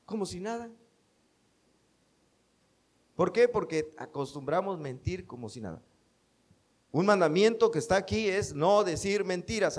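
A man with a Mexican accent preaching a sermon, emphatic and quoting scripture. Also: high voice. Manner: emphatic, quotes scripture, acts out quoted speech.

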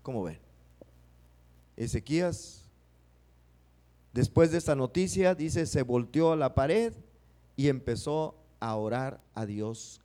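A man's voice: medium pitch, slow pace, long pauses, warm tone. A man preaching a sermon, acting out prayers and putting questions to the congregation.

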